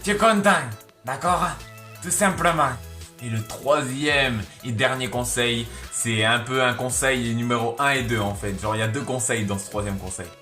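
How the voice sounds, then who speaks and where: A man's voice: medium pitch, normal speed, pushed and bright. A young man hosting a casual impression tutorial, chatty and rambling and making fun of himself. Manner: chatty, rambling, and self-mocking. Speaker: YouTube impressionist. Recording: echoey room, faint background music.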